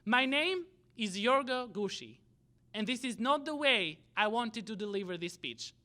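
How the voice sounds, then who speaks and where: His voice sits high, with lively intonation and a bright, forceful tone. This young Albanian-accented student body president gives a prepared graduation address, choosing each phrase in a measured, deliberate way.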